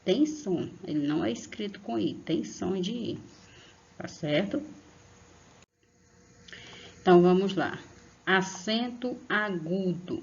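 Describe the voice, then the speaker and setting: A woman's voice: mid-range voice, lively intonation, slow pace, gravelly, long pauses, dull audio, slight background noise. A woman teaching an online grammar lesson to young pupils, patient and affectionate, drawing out sounds and often checking in with the class. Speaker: primary school teacher.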